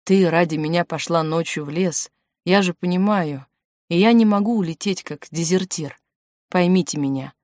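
A woman's voice: lowish voice, moderate pace, darkish tone, no room sound, studio quality, close to an everyday voice. A woman reading the part of a wounded, feverish young man in an audiobook. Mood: feverish, tender.

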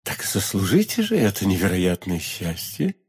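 A man voicing a vengeful, seductive noblewoman in an audiobook reading, speaking softly and insinuatingly. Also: sits low, huge pitch swings, moderate pace, slightly rough, pitched below the performer's own voice, full character voice. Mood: hushed urgent.

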